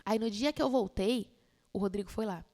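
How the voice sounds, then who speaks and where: A woman's voice: medium pitch, fairly quick, in a large hall. A young woman tells a personal testimony in casual chat, acting out what other people said. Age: young adult. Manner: animated storyteller who acts out other people's lines. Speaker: podcast guest.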